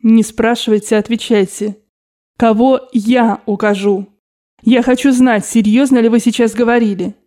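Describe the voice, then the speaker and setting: A woman's voice: on the high side, fairly even intonation, normal speed, dark tone, close to an everyday voice. A woman reading the part of a proud, scornful young woman, with a cold and contemptuous delivery.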